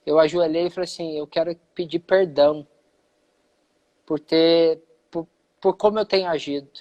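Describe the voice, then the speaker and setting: A man's voice: fairly high pitch, fairly even intonation, moderate pace, darkish tone. A man with a Brazilian Portuguese accent, a pastor giving a personal testimony in a live conversation, who acts out the dialogue he quotes.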